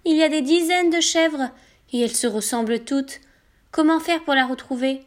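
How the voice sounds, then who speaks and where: A woman with a high voice tells a children's story in the first person. She reads animatedly and acts out each turn of feeling. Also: normal speed. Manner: animated, acts out emotions as a girl.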